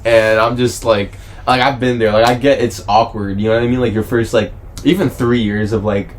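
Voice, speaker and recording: A man's voice: medium pitch, steady tone, a little fast. A man in his twenties, a podcast co-host in casual chat, rambling in slang and saying bro a lot. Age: 20s.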